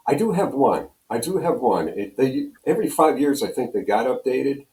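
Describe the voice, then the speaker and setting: An American man in his seventies from Pennsylvania, a radio program director and on-air personality, reminisces as an interview guest, telling stories casually and ramblingly and often repeating phrases. His mid-range voice swings widely in pitch at a normal speed, with a darkish tone, in a roomy, echoing space.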